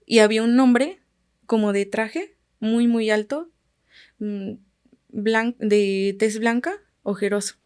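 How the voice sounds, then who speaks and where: Softly trailing Mexican woman storyteller. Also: on the high side, slow, smooth. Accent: Mexican Spanish. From Guerrero, Mexico. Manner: calm, often trailing off quietly at phrase ends. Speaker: podcast guest. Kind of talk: casual storytelling.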